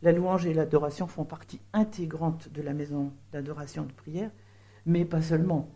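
Woman preacher, middle-aged, low voice, mellow tone, teaching sermon. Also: steady tone, normal speed. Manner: teaching, explains word meanings, warm asides.

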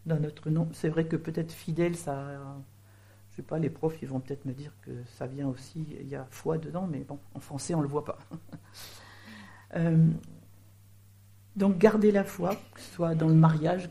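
A woman's voice: low voice, fairly even intonation, normal speed, gravelly, warm tone. A middle-aged woman giving a sermon in French, explaining word meanings with a teaching manner. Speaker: preacher.

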